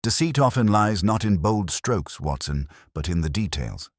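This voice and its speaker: A man voicing Sherlock Holmes, a precise, coolly logical detective who speaks in a measured, formal and certain way. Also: fairly low pitch, animated, no room sound, studio quality, voice pushed up. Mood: measured, stern.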